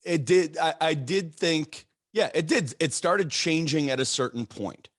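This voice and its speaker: A middle-aged man hosting a podcast interview, talking in an animated, halting way with restarts and fillers. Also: a little high, no room sound, clean studio sound. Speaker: podcast host. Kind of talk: casual interview chat.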